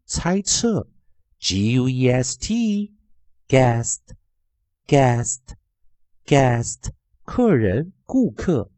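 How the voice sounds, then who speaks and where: A man's voice: mid-range voice, a little mellow, dry recording. A man teaching an English phonics lesson, spelling out letters and repeating each sound and word several times.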